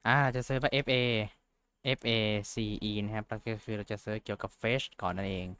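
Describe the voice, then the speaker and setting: A young man rambles through a casual tutorial, teasing himself and filling pauses as he goes. His voice sits on the low side and comes across smooth and clean. The sound is dry and close, with almost no room around it. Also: fairly bright tone, no room sound. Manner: rambling, self-mocking, chatty with fillers. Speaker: VTuber tutorial host. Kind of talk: casual screen-share tutorial.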